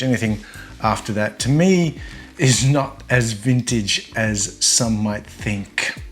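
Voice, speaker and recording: A man hosts a casual fragrance review in an ordinary mid-range voice. He talks in a chatty, wry way with self-deprecating asides. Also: medium pitch.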